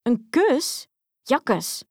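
A woman voicing a spoiled, squeamish young princess who talks in a high, whiny way, in a storybook reading. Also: animated, moderate pace, a little mellow, no room sound, clean studio sound. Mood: disgusted.

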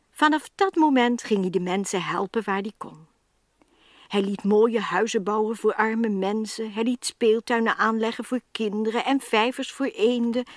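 A woman's voice: medium pitch, dry recording, studio quality. A woman storyteller giving scripted narration of a children's tale.

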